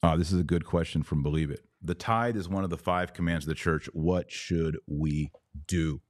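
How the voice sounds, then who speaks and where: Taking viewer questions on his live religious podcast, this American man speaks in a low voice at a moderate pace. Like a teacher, he lays out each point emphatically and didactically, and the recording is very dry.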